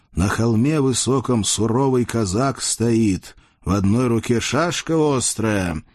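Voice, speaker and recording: A man narrating a folk tale in a lively, sing-song storytelling manner. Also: mid-range voice, breathy edge, no echo, studio quality.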